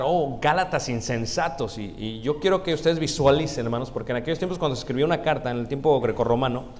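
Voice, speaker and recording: A man from Mexico, preaching a conversational sermon and speaking directly to the congregation as his brothers, asking them questions. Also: medium pitch. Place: church sanctuary. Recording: long hall reverb in a church.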